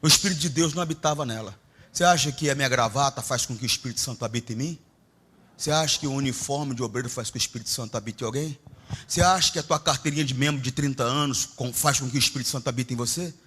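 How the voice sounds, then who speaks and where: A middle-aged Brazilian man preaching a Pentecostal sermon, swinging between shouts and low, confiding asides. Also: rapid-fire, breathy edge. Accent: Brazilian Portuguese. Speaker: pastor.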